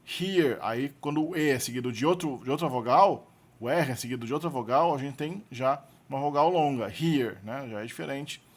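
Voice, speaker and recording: A man with a Brazilian Portuguese accent teaching a recorded lesson, explaining slowly and deliberately and repeating each example word. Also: medium pitch. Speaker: language teacher.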